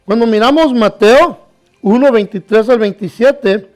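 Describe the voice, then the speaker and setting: A pastor with a notably high voice delivers a bilingual sermon, saying each thought in Spanish and then again in English. He reads scripture aloud and slows down on the key words, while soft music plays faintly behind him.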